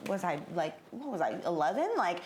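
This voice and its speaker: A woman's voice: on the low side, very animated, brisk, darkish tone, a little hiss or hum. A woman candidly telling a personal story in casual chat, swearing freely. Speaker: guest.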